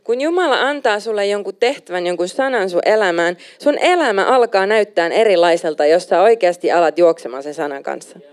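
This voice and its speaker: A young adult woman preaching a sermon, emphatic and animated, slipping in English phrases now and then. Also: mid-range voice, few pauses, smooth.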